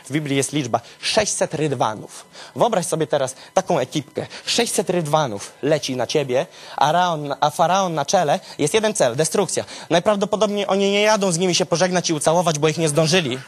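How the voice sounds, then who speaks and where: A man delivers a sermon in a high voice, telling the story dramatically. He talks straight to his listeners, dropping to a low murmur and then rising to sharp, high exclamations. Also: animated, brisk. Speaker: preacher.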